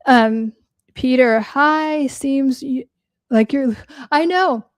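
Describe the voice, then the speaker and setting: Speaking extremely slowly in a high voice, a young woman therapist hosts a casual livestream, bluntly answering viewer questions and swearing freely. Her voice cracks a little from a long day of talking, and the studio-quality recording has no room sound.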